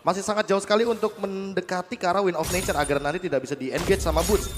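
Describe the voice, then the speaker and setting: A man's voice: sits high, steady tone, quick pace, noisy background. A man with an Indonesian accent giving analytical live commentary on an esports match. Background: music.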